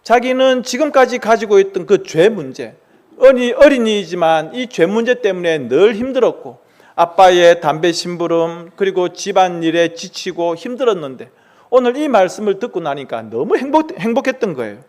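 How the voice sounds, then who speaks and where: A man preaching, telling a story in a dramatic, animated way to his congregation. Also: sits high, moderate pace. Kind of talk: storytelling sermon.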